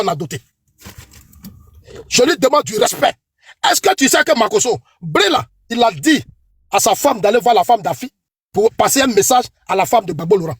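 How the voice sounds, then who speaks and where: A middle-aged man with an Ivorian French accent hammers out a combative political rant, accusing and repeating himself for emphasis. His voice sits very high for a man and sounds husky. The sound is dry and close. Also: no room sound. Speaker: political commentator. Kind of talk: heated political tirade.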